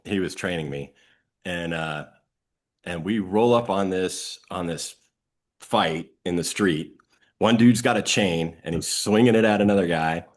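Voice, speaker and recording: Male co-host, ex-cop, lowish voice, relaxed and matter-of-fact. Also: a little slow. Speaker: podcast co-host, former police officer. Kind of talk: casual storytelling chat.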